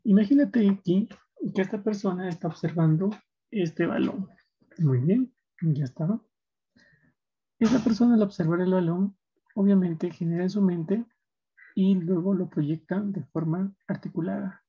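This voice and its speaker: Male teacher, husky and mellow, explaining patiently, lo-fi recording. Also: sits high. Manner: explanatory, checks in with tag questions. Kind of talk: recorded slide lecture. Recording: dull lo-fi recording.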